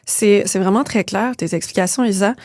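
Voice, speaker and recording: A woman's voice: mid-range voice, moderate pace, darkish tone, no room sound, clean studio sound. Friendly Québécois woman co-hosting. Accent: Québécois French. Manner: friendly, encouraging interjections. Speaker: podcast co-host. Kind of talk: casual podcast chat.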